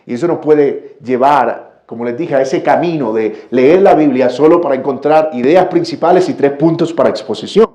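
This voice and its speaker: A male pastor delivers a sermon with earnest conviction, pushing into emphatic peaks when he drives a point home. His voice is mellow and warm in tone. The sound rings out through a reverberant church hall. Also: mid-range voice, moderate pace, hardly any pauses. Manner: earnest preaching, rising to emphatic bursts. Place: church sanctuary.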